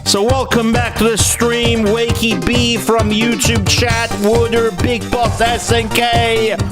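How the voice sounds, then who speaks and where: A man hosting a livestream on a headset mic, greeting viewers and reading their names in quick lists. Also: very high-pitched, little pitch movement. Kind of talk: casual stream chat, reading out viewer names. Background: loud game music.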